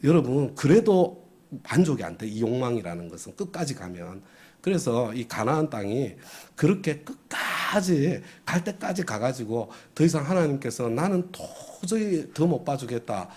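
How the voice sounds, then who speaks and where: A man's voice: mid-range voice, very animated, normal speed, a little mellow, breathy edge. A male pastor preaching a sermon, who keeps asking his congregation questions and drives each point home with emphasis.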